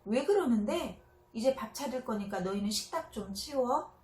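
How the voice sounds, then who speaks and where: A woman's voice: on the high side, lively intonation, normal speed, darkish tone, a little hiss or hum, pitched above the performer's own voice, natural voice. A woman voicing a busy mother cooking dinner who brushes off her child sharply, in an echoey room. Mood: impatient.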